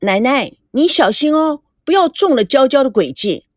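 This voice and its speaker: A woman's voice: mid-range voice, very animated, husky, no echo, studio quality. Woman doing a playful cheerful young woman. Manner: teasing, bright, quick.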